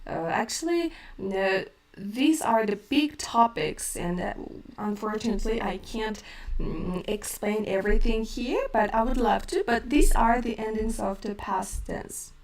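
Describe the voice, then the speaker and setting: A woman with a Kazakh accent teaches her language on a live stream, reading chat questions and speaking slowly with many hesitant fillers. Her voice is a little high, captured by a distant mic in an echoey room on a low-quality recording.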